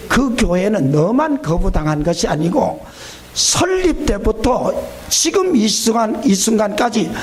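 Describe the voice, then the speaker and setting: A male preacher voicing Jesus as a tender, fatherly man speaking gently to a grieving believer. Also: high-pitched, big pitch swings, a little slow.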